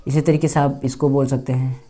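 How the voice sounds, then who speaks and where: A man's voice: medium pitch, flat delivery, fairly quick. A man teaching English pronunciation in a chatty lesson, repeating words as drills. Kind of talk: casual classroom lesson.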